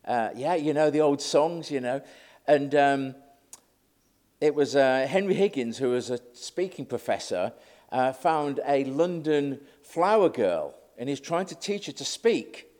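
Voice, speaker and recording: Lively, chatty middle-aged man preaching. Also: mid-range voice, measured pace. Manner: chatty, self-deprecating, acts out quotes. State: slightly nervous. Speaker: lay preacher. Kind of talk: conversational sermon.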